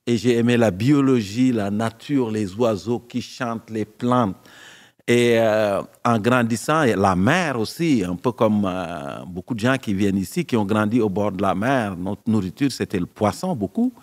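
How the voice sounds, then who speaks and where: A man, a guest telling stories in a relaxed, joking way with pauses and fillers. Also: lowish voice, in a large hall. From Senegal. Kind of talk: casual interview talk.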